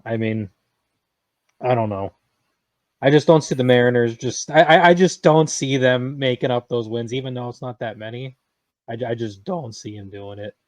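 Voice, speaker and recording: A man's voice: medium pitch, moderate pace, no echo. A man joining a casual sports podcast, hesitant and repeating his words.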